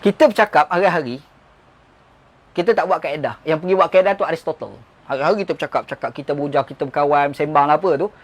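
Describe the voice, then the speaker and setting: A man with a Malaysian Malay accent teaching a religious lesson. His voice sits high and he talks quickly, pressing points with stories and rhetorical questions. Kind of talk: religious lecture.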